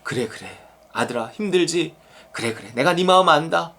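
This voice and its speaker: A man voicing God as a gentle, soothing father who softly repeats reassurances to a hurting child, set inside a sermon. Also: high-pitched, moderate pace, close to an everyday voice. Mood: soothing, hushed. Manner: hushed, soft, repeating reassurances. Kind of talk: sermon illustration.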